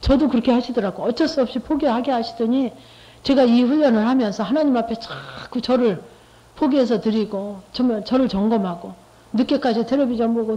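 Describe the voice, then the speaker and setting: A middle-aged woman with a somewhat high but mellow voice shares her faith testimony with a church group. She talks conversationally, repeats herself and keeps turning to her listeners with rhetorical questions. The recording is dull and lo-fi. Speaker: lay church speaker giving testimony.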